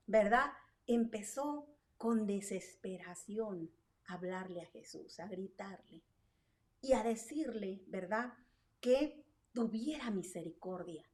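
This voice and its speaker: A woman's voice: on the high side, recorded from a distance. A woman preaching an online sermon with fervent energy, asking rhetorical questions and tagging her points with "¿verdad?". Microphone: online stream.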